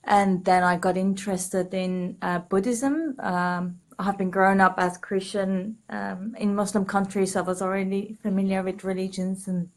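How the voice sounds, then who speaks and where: A woman's voice: medium pitch, steady tone, normal speed, hardly any pauses. A woman from Iran, a guest on a video call without a headset, talking casually and hesitantly while she searches for words. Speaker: guest speaker. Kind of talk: casual conversation.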